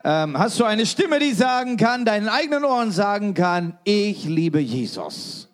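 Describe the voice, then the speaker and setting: A man with a high voice interprets a sermon live, one phrase at a time. He works quickly, restarting words and filling gaps as he goes. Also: very animated. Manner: quick translation with restarts and fillers.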